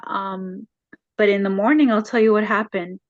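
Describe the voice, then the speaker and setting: A woman as a counseling client, retelling a home conflict haltingly with many fillers, her voice rising when upset. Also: medium pitch, fairly even intonation, no echo, muffled recording. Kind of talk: emotional retelling in a counseling session.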